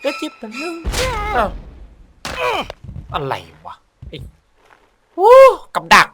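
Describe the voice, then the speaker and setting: A man delivers casual comedic gameplay commentary as a video host, crude, sweary and excitable in his exclamations. His voice is high and his pace slow, with background noise.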